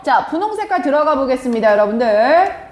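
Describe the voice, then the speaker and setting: A woman teaching a live English class, her high voice leaping around as she fires questions at the students and teases them. The sound is roomy and echoey, with a faint hiss underneath. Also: brisk. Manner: lively, questioning students, teasing.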